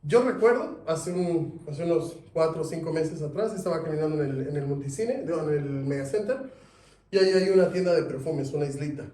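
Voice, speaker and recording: Guy teaching a sales class, keeps quizzing the students, mellow voice, roomy echo. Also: a little high, brisk. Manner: lively, asks the class questions. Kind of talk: classroom lecture. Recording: echoey room, mic at a distance.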